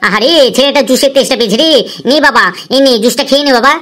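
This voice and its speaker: A woman's voice: high-pitched, rapid-fire, fairly bright tone. A woman voicing a fretful, doting father in a cartoon, fondly coaxing his son to eat. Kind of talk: cartoon voice acting.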